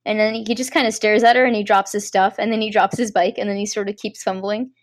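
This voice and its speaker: An eighteen-year-old woman co-hosts a podcast, recapping a movie in casual chat that rambles, pokes fun at herself, and is full of fillers. Her mid-range voice is steady in tone and fast.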